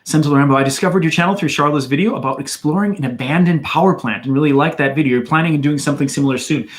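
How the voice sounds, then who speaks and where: On his livestream, this American-accented man in his thirties from Madison, Wisconsin, reads out chat questions and answers them in a loose, chatty style full of fillers. His voice is on the high side and rapid-fire.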